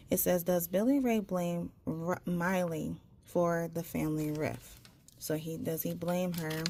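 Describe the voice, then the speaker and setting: Female tarot reader, lowish gravelly voice, casual and halting delivery, speech slightly caught by a tongue ring. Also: darkish tone, a little hiss or hum. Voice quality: slight impeded articulation from a tongue piercing. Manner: halting, searching for words, repeats phrases. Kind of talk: casual spoken tarot reading.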